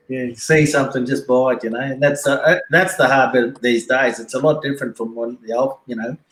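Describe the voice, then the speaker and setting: An Australian man talks in a relaxed, rambling way, full of "you know" and restarts. His voice sits at an ordinary pitch. The sound bounces around an echoey room. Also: moderate pace. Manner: laid-back, rambling, many fillers. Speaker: guest. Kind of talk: casual yarn on a live stream.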